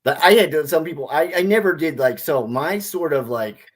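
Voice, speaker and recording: A man's voice: on the high side, animated, moderate pace. A man co-hosting a podcast, joking around and playing along with his friends' bits. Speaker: podcast co-host. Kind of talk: casual banter.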